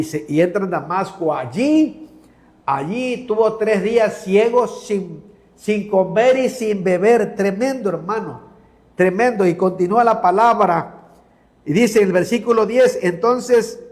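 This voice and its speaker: Male TV preacher, high voice, reads Bible passages, fervent asides, calls listeners brother.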